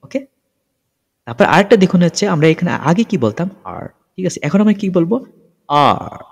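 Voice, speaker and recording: A man with a fairly high, animated voice leads an English lesson. He explains each example step by step and keeps checking in with his listeners. The sound rings with a long reverb. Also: quick pace. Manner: lively, repeats examples with check-in questions. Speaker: English teacher.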